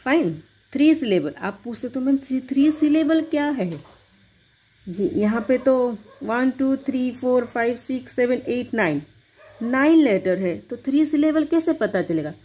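A woman teaching an English grammar lesson, explaining slowly and deliberately and switching between Hindi and English. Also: on the high side, expressive, a little mellow, slightly rough.

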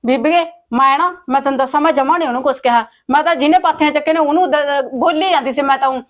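A sharp-tongued village daughter-in-law, played by a woman with a Punjabi accent, who scolds in a high, fast voice. She keeps up an endless stream of accusations. The sound is dry and close. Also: dry recording, close to an everyday voice. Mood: complaining. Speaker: actor in a village short film.

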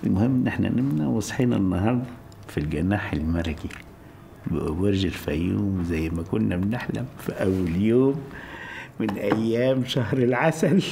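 An actor playing a scheming newlywed husband, speaking Egyptian Arabic in a coaxing, sweet-talking manner. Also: male voice, fairly low pitch, lively intonation, brisk, vocal fry, mellow, slight background noise. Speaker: groom. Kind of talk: film drama acting.

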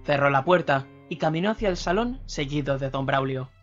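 Male narrator for a suspense radio story; steady delivery, dull lo-fi audio. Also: fairly high pitch, fairly quick. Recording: slightly dull radio recording, faint music.

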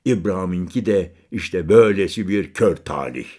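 A man's voice: expressive, moderate pace, dark tone, slightly rough. Man reading as a weary brooding ex-convict. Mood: somber. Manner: hesitant, low and subdued. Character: brooding grown man, former prisoner and hunter, weary.

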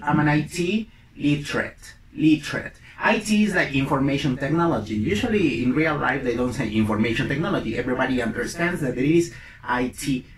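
A young man with a fairly high voice teaches a bilingual English lesson at a whiteboard in a small room, drilling phrases by repetition and adding playful asides. A camera mic a few feet away captures roomy, distant sound with faint hiss.

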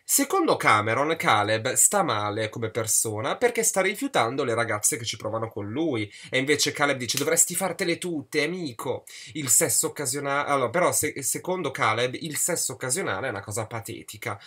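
A man picks apart a book on his vlog in a sarcastic, mocking tone, and now and then he bursts out loud. His voice is bright and forceful, and his pitch swings widely. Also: lively intonation, a little fast, few pauses. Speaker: book reviewer.

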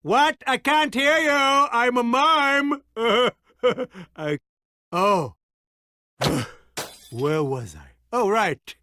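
A man's voice: extremely high pitch, expressive, very slow, pauses often, pushed and bright, dry recording, full character voice. A man voicing a vain, party-loving lemur king in a video game, theatrical, pompous and childishly gleeful. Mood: playful, manic. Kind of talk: animated video game cutscene acting.

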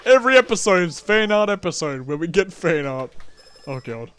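A young man giving casual gameplay commentary as a let's play host, chatty and self-mocking, with frequent laughs and excitable outbursts. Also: sits high, moderate pace, clear, resonant tone, soft background music.

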